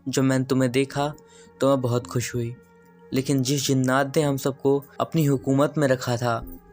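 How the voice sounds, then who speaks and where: Gentle girl ghost , as a male narrator reads her, quick and confiding, ordinary pitch. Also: flat delivery, faint music behind, natural voice. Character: young woman ghost, gentle and grateful.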